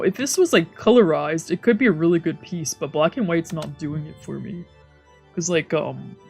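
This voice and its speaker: A woman streamer with a fairly low, darkish voice reads a visual novel aloud and chats casually as she plays. It's read-aloud narration mixed with let's-play banter, with faint game music behind her.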